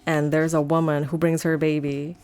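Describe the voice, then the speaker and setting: A woman reading a sci-fi novel aloud on a live stream, her voice sitting a little low. She moves easily between steady narration and chatty, rambling asides full of "like". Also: normal speed.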